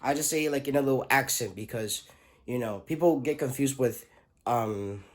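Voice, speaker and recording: A man's voice: mid-range voice, normal speed. A young man telling a rambling school story to his phone, full of fillers, restarts and swearing.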